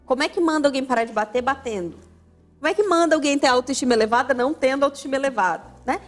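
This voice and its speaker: A woman's voice: high voice, racing, faint music behind. A woman hosting a radio talk on family life, teaching in an emphatic, didactic way and repeating key words for stress. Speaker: radio show host and family counselor. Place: radio studio.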